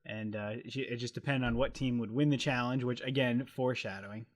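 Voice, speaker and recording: A man's voice: medium pitch, fairly even intonation, a little fast. A man co-hosting a podcast in casual chat, with dry, teasing banter. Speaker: podcast co-host.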